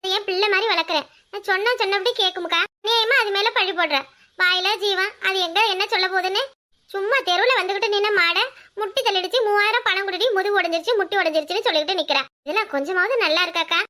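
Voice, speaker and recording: A shrill, bickering village wife from a cartoon comedy, voiced by a woman, speaking in a southern Tamil village dialect. Her voice sits very high and bright, and she rattles off complaints at a fast clip, scolding and fussing without pause. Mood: pleading. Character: loud squabbling village women, fussy and complaining. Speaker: voice of quarrelling village women.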